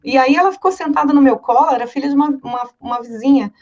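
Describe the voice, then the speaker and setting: A woman from Brazil, a voice-over artist, chatting casually and telling stories with lively quoted voices. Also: high-pitched, fast, highs cut off. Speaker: voice-over artist and director, guest. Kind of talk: casual podcast chat.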